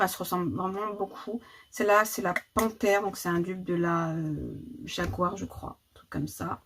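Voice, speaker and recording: A woman, casually showing her makeup collection in a vlog, chatty and full of fillers and repeated words. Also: medium pitch. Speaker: beauty vlogger. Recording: noticeable background noise.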